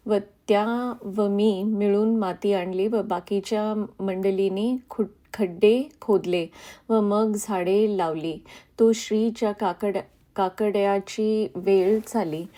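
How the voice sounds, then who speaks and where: A woman reading a devotional memoir aloud at a slow, measured pace. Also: medium pitch, warm tone. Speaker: reader.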